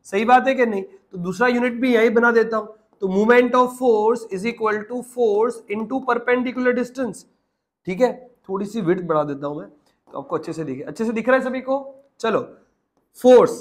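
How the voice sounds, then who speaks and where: A man teaching a physics lesson online, coaxing the class along and asking check questions as he works through units. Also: high voice. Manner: coaxing, asks the class check questions, mixes English terms into Hindi.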